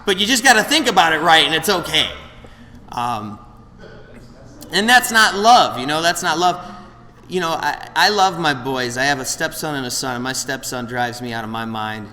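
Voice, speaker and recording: A man's voice: a little high, lively intonation, moderate pace, bright, forceful tone. A man in his late thirties, speaking candidly and in a self-deprecating way at a recovery meeting, rambling with frequent restarts. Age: late 30s. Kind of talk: candid personal share. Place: meeting room with an audience. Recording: roomy hall, faint background noise.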